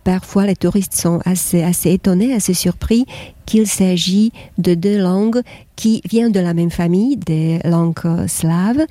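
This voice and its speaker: A woman with a dark, mellow voice explains things in a measured way, as a tour guide would. She is recorded close and dry, with no room around her. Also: lowish voice, no room sound. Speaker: interpreter, translator and tour guide. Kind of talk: interview answers.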